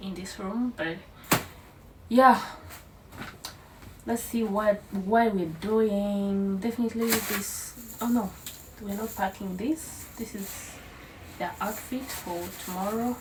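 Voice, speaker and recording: A woman's voice: medium pitch, fairly even intonation, takes it slowly, background noise. Tired chatty young woman, echoey and distant. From Uganda. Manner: affectionate, chatty, addresses viewers as guys. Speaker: vlogger mother of twins. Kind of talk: casual family vlog.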